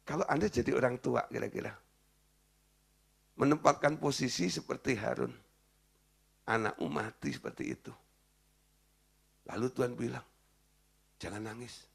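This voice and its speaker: A man's voice: mid-range voice, lively intonation, moderate pace, gravelly, pauses often, husky. A man preaching a casual sermon as a pastor, firing rhetorical questions at the congregation and laughing at his own points. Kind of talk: conversational sermon.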